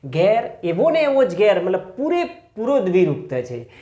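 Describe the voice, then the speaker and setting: Teaching grammar at school, this man calls his listeners friends, stretches out important words, and asks questions only to answer them himself. His high, dark-toned voice swings hugely in pitch at a normal speed, and the room echoes.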